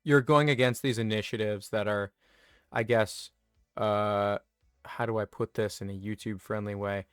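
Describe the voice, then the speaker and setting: A man delivers a satirical comedy monologue with mock earnestness, rambling and getting himself worked up as he goes. His voice is smooth and resonant and sits at an ordinary middle pitch. It is recorded close and dry, with faint music underneath. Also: steady tone, normal speed, no echo. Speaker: comedy video host.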